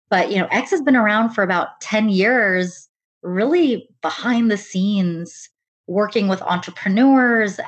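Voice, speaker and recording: A woman from the United States speaking in an interview about her work leading diversity and inclusion, earnest and measured, often saying "really" and "kind of.". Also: medium pitch. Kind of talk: conversational interview.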